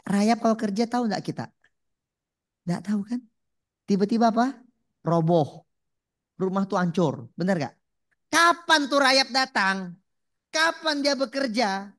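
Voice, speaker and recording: Punchy woman preacher, repeating refrains. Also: medium pitch. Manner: punchy, repeats catchphrases, asks the audience questions. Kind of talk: lively religious talk.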